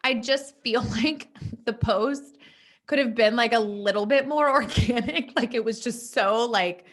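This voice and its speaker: A young woman co-hosting a casual sports podcast, chatty and animated, peppering her talk with "like". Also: a little high, a little slow. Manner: chatty, heavy use of "like", animated. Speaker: podcast co-host.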